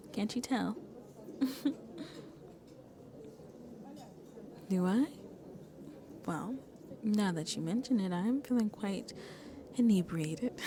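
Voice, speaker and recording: In an ASMR roleplay, a woman voices a vampire on a date who is shy yet playfully flirty, speaking softly and intimately and often drifting into breathy whispers. Her voice sits on the low side, and she sounds playful, tipsy and flirty.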